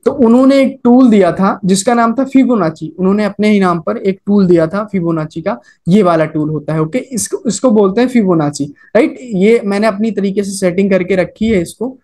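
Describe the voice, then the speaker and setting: A man's voice: high-pitched, moderate pace, warm tone. A man teaching a trading lecture over a chart. He talks casually, mixes in English trading terms, repeats his points and keeps checking in with "okay" and "right?". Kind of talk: screen-recorded chart lecture.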